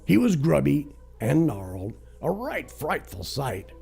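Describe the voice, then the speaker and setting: Gravelly man reciting a cheeky parody poem. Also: on the high side, huge pitch swings, measured pace, a little mellow. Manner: crude, cheeky storytelling. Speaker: narrator. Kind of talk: comic rhyming verse recitation. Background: music.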